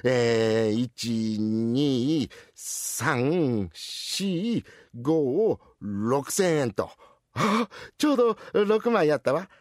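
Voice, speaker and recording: A man's voice: mid-range voice, animated, drawn-out words, no room sound, studio quality. A man putting on a fussy chatty old woman. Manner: flustered, rambling, scolding. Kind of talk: rakugo storytelling.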